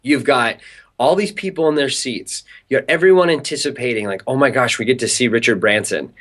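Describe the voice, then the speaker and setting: A young man tells a story as an interview guest. His delivery is chatty and animated, full of casual filler words. His voice sits at an ordinary middle pitch. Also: brisk. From Southern California.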